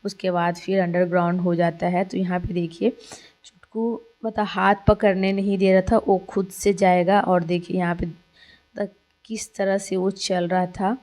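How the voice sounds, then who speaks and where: A woman's voice: fairly low pitch, a little mellow. A young woman narrating her home vlog in a chatty, rambling way with many fillers. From Kolkata, India. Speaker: vlogger. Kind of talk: casual vlog voice-over.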